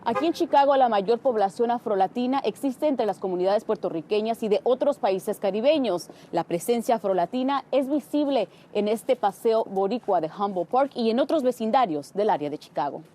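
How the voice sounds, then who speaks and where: A woman's voice: on the high side, animated, moderate pace, few pauses, dark tone, slight background noise. A woman reporter delivering a scripted on-location news report.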